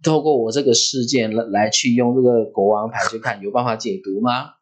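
A man, hosting a podcast and telling a story in a vivid, animated way. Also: mid-range voice, a little fast, noisy background. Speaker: podcast host.

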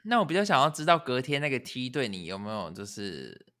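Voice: mid-range voice, big pitch swings, bright, forceful tone. A podcast co-host, chatting casually, teasing the other host and telling a funny story. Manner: quick, chatty, teasing, laughs easily.

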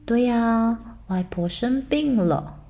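A woman voicing an innocent, cheerful little girl in a bedtime storybook, speaking in an eager, high childlike voice. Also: expressive, slow pace, dark tone.

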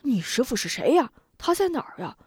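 A woman voices a seasoned male bandit who is worn out by his partner. He scolds and sighs through a lively, up-and-down delivery, recorded close and dry. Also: sits high, brisk, slightly rough, no room sound, voice pushed up, exaggerated voice. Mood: exasperated. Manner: weary, exasperated scolding. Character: worldly older male bandit, exasperated.

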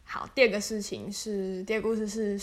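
A woman's voice: mid-range voice, level tone, brisk. A woman, casually telling stories as a podcast host, chatty and laughing often. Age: 20s. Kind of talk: casual storytelling monologue.

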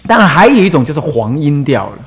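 A man's voice: a little high, quick pace, slightly rough. An older man from Taiwan, an abbot giving a Buddhist dharma lecture to monastics, breaking into sung and chanted examples as he explains. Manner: demonstrates singing and chanting, animated and playful.

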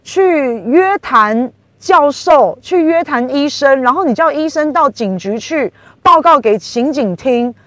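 A woman with a Taiwanese Mandarin accent delivers political commentary as a podcast host, her voice set a bit high for a woman. She argues emphatically and with indignation, firing off rhetorical questions. The recording is close and dry, with no room sound. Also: normal speed, a bit bright, no echo.

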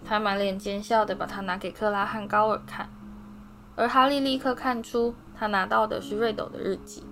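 A woman narrating a fantasy novel as an audiobook reader, in a steady, expressive reading voice. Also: medium pitch, moderate pace, slight background noise. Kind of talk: storybook narration.

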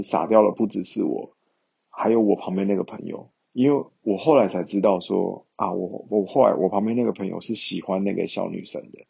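A man's voice: fairly low pitch, gravelly, mellow, husky, dull audio. A young man, chatting casually to viewers in a rambling way with many fillers. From Taiwan.

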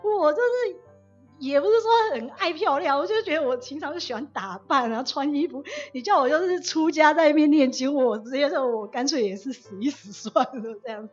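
A young woman from Taiwan, a nurse telling her testimony as a guest in an animated way and acting out the words of the people she quotes. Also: high-pitched, fairly quick, few pauses. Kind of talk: personal testimony storytelling. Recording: dull lo-fi audio with faint music.

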